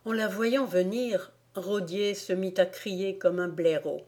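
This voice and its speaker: A woman reading a storybook aloud as a volunteer audiobook narrator, in a calm, measured manner. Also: mid-range voice. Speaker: audiobook reader.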